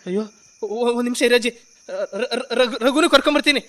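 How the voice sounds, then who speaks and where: A man's voice: very high-pitched, a little fast, fairly bright tone. An actor playing a caring young man in a radio drama, urgently calling for help and soothing an old woman. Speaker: helpful young neighbour in a radio play.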